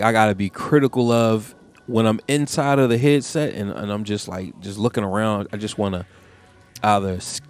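Male tech reviewer, raspy low voice, chatty and rambling, casual vlog delivery. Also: darkish tone. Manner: slangy, rambling storytelling with many fillers.

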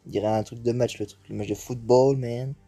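A young man giving excitable commentary as he plays a game, swearing often and dropping English exclamations into French. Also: medium pitch, brisk, faint music behind. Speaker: gaming YouTuber. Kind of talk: live gameplay commentary.

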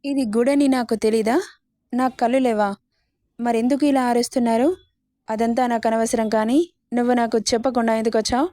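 A woman's voice: a little high, steady tone, a little fast, warm tone, no room sound, studio quality, lightly acted. A woman voicing a possessive, angry young husband who talks curtly and gives orders. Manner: curt and commanding.

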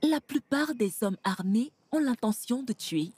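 Sensible gangster's girlfriend, highish husky voice, cautioning tone, dubbed film drama. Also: lively intonation, a little slow, darkish tone, dry recording. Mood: firm cautioning. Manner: reasoning, cautioning.

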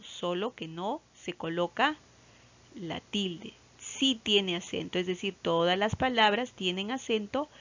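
A woman teacher from Peru, with a Peruvian Spanish accent, giving a patient lesson to children and often checking that they follow. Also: medium pitch. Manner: slow and patient, repeats key words, checks with "¿ya?"; stretches out example words loudly. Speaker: primary school teacher. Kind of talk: recorded classroom lesson. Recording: slightly dull lo-fi recording.

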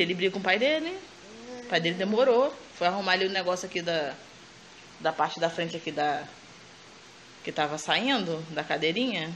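A woman's voice: on the low side, a bit bright, a little hiss or hum. A Brazilian Portuguese-accented mother vlogging at home on a phone, chatting to viewers and cooing at her baby. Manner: chatty, keeps calling viewers "family", coos at her baby. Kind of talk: casual home vlog. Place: family home.

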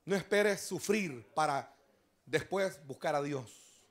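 A male pastor preaching an evangelistic sermon, telling stories and building up to shouted exhortations. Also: fairly high pitch, lively intonation, slow. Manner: storytelling preacher who rises to shouted exhortation. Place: church service.

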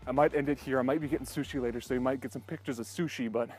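A man's voice: medium pitch, fairly even intonation, racing, darkish tone, husky, faint music behind. A young man talking casually to camera in a vlog, chatty and enthusiastic, with lots of fillers. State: out of breath. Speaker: vlogger. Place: echoey basement; outdoors by a stream. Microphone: headphone mic into GoPro; handheld lavalier clip mic.

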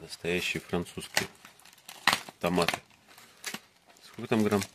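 A man filming himself tasting groceries in a room, talking calmly in short, clipped phrases into his phone camera. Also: low voice, measured pace, heavy background noise. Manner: calm, terse, speaks in short clipped phrases. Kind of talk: casual food-tasting vlog. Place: indoors, in a room in a city. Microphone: phone camera held by the speaker, who stays off screen.

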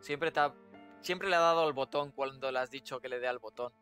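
A man giving excitable, jokey let's play commentary, swearing freely. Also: medium pitch, fairly quick, faint music behind. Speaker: streamer.

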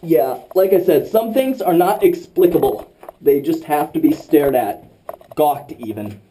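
A cave explorer cracks wry jokes and rambles casually while recording with a head-mounted camera inside a tight, cramped cave. His fairly high, warm voice has lively intonation and an unhurried pace, on a low-quality recording with a little hiss or hum.

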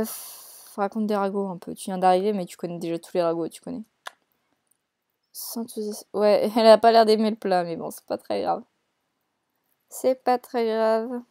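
A woman's voice: medium pitch, a little mellow, no echo, clean studio sound. A young woman hosting a let's play, chatting casually and teasing the characters she plays, with frequent hesitations. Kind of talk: casual gameplay commentary.

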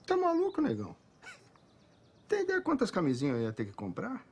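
A man's voice: on the high side, wildly swooping pitch, a little fast, slightly rough, exaggerated voice. A man acting a scornful, self-righteous brothel owner in a film drama, talking with swagger and threat.

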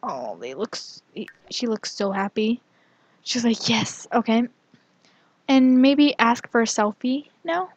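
A woman narrating her gameplay in a casual, giggly and excitable way. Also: a little high, a little slow. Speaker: gaming vlogger.

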